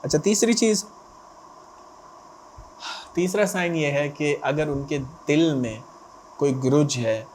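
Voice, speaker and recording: A man's voice: a little high, slow, long pauses, darkish tone, a little hiss or hum. A man giving relationship advice straight to his viewers, emphatic and often checking in with short asides. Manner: emphatic, repeats "theek hai" as a check-in. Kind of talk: direct-to-camera advice talk.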